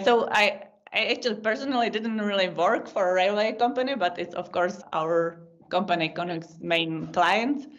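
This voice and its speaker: Czech woman with a low voice, lo-fi sound. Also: fairly bright tone. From Czech Republic. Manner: thoughtful, explains in long lists with small restarts. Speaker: podcast guest, data science team lead. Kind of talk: casual interview answers. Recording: lo-fi video call audio.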